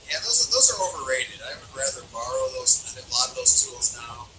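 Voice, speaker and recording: A man's voice: mid-range voice, wildly swooping pitch, moderate pace, sharp tone. A man chatting casually and informally, often letting his thoughts trail off unfinished. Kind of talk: casual chat about tools. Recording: noisy background.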